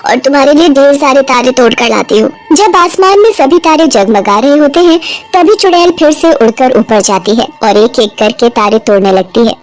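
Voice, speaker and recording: A woman narrating a cartoon story in an expressive, lively storytelling manner. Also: high voice.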